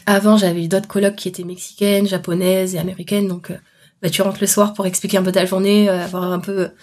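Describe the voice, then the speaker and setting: A young woman from France chatting halfway through her story, halting and laughing now and then as she tells it. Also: mid-range voice, flat delivery, darkish tone. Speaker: interviewee recounting work abroad. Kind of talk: casual spoken testimony.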